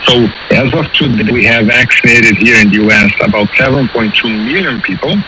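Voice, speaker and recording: A man's voice: mid-range voice, a little fast. A man explaining as an expert guest in a radio interview, hesitant and searching for words. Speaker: virology professor, interview guest. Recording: very noisy radio feed.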